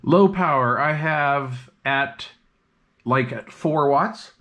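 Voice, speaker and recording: Bright and forceful in tone, this medium-pitched man talks slowly as he demonstrates equipment for his radio repair vlog. Working at an indoor bench, the hobbyist mutters in relaxed slang, and the clip is clearly noisy with clicks.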